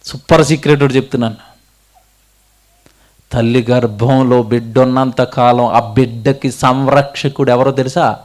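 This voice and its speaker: A man's voice: medium pitch, fairly even intonation, moderate pace, darkish tone. A man preaching a sermon, asking the congregation questions and answering them himself.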